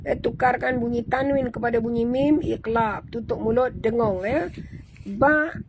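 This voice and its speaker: Malaysian woman recitation teacher, higher voice, unhurried and patient, noisy background. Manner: methodical, correcting pronunciation, chants verses in slow drawn-out tones. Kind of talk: tajweed lesson.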